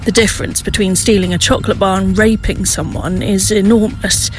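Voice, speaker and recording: A parent interviewed for a news report, with the voice disguised by pitch-shifting to protect their identity, speaking in a firm, even manner. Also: brisk, soft background music. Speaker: parent of a crime victim, interviewed.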